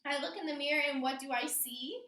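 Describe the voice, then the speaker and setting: A woman teacher leads a classroom lesson indoors, reading poetry aloud, giving instructions and asking prompting questions. Her voice sits high and sounds brisk, pushed and bright. The sound is roomy and echoing, like a classroom.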